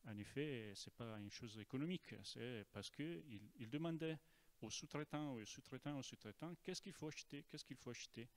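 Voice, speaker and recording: An Italian man giving an informal presentation in broken French with an Italian accent, halting and repeating words as he goes. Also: mid-range voice. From Italy. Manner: broken, non-native French with grammar slips. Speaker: naval officer giving a presentation.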